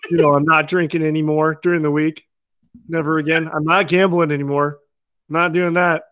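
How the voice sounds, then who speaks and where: A man with a notably high voice tells animated, swear-filled stories as a podcast co-host. His talk is loose and conversational. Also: moderate pace, smooth. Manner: animated, profane storytelling. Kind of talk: casual podcast chat.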